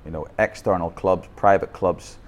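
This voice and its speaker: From Bangkok, a podcast interview features a Northern Irish-accented man from Northern Ireland who founded a youth football academy. He tells his coaching story candidly with frequent restarts, in a low-pitched voice with a steady tone at normal speed.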